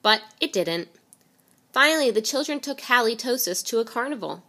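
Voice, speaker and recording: A woman reading a children's picture book aloud in an expressive storytelling way. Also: a little high, moderate pace. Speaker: reader.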